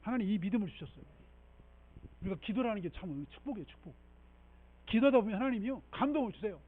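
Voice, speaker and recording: A man preaching a sermon as pastor, animated and emphatic, often checking in with the congregation and leading them in reading scripture. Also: high voice, fast, phone-quality sound, a little hiss or hum. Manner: animated preaching with frequent rhetorical 'eung?' checks. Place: church sanctuary.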